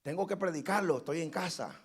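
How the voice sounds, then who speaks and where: A man preaching a sermon as pastor, calling his listeners brothers and driving points home with loud repeated lines. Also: a little high, fairly quick, vocal fry, breathy edge. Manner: preaching with sudden loud emphasis and repeated phrases.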